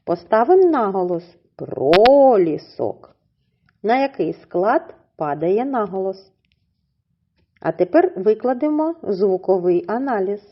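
A woman teacher with a husky voice, giving a slow, clearly enunciated reading lesson to young children and drawing out words syllable by syllable. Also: medium pitch, big pitch swings, lo-fi sound. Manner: syllable-by-syllable drawn-out pronunciation, encouraging. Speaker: primary school teacher.

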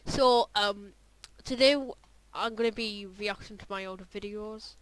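A woman's voice: mid-range voice, a little slow, no echo, rough recording. A young woman chatting casually as she reacts to her own old videos, rambling with lots of fillers and trailing off. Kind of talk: casual reaction vlog commentary.

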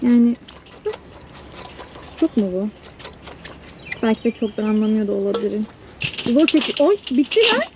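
A woman's voice: medium pitch, normal speed, pauses often. A young woman doing farm chores and chatting casually to her camera and to the animals as she feeds lambs. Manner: chatty, self-talking, coaxing animals. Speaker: farm vlogger. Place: barn with sheep and chickens. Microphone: head-mounted camera mic. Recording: noisy barn recording with bleating. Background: bleating lambs and sheep.

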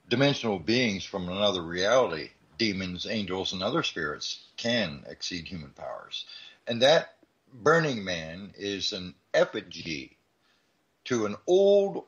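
Guy calling into a radio show, low raspy voice, kinda muffled line, talks with a lot of emphasis. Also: a bit bright. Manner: emphatic, repeats words when starting. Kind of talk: casual radio talk.

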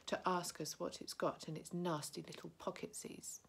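A woman's voice: on the low side, level tone, moderate pace, gravelly, breathy edge, full character voice. A woman reading a storybook aloud and voicing a slimy, sly male cave creature who hisses and wheedles. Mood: indignant. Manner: hissing, wheedling, repeats "my precious".

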